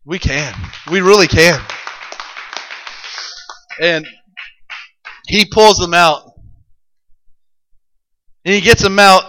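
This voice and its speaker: A male preacher telling a Bible story to a congregation, building from calm narration to excited shouts. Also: sits high, slow pace, pauses often, slight background noise. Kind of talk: sermon. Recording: long hall reverb.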